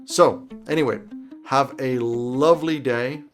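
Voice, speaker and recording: With soft music behind him, a thirtysomething host of a tabletop roleplaying channel speaks to camera from a small indoor home office. His mid-range voice keeps a measured pace as he offers advice in a conversational but emphatic, opinionated way.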